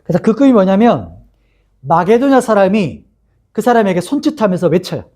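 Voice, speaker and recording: Male pastor, sermon delivery; high, very animated pitch, reads scripture and acts out quotes. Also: normal speed. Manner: lively, asks the congregation questions and acts out quotes.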